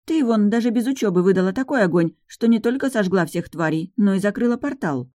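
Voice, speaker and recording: A woman's voice: medium pitch, expressive, fairly quick, dark tone, dry recording, studio quality, pitched above the performer's own voice, natural voice. A woman voicing a fussy, traditional young witch student who speaks emphatically. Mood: emphatic. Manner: indignant, emphatic. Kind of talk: audiobook narration.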